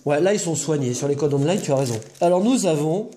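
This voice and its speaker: A man's voice: fairly high pitch, expressive, fast, mellow, a little hiss or hum. A man hosting a casual unboxing video, talking to viewers in a chatty, rambling way with jokey asides. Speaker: video host opening trading-card boxes.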